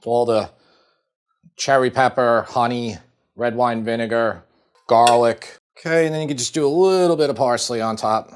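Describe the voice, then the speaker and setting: A man's voice: mid-range voice, normal speed, slight background noise. Chatty Long Island man cooking. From Long Island, New York. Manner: chatty and relaxed, many fillers like "like". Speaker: cooking show host. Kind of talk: casual cooking demonstration. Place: home kitchen.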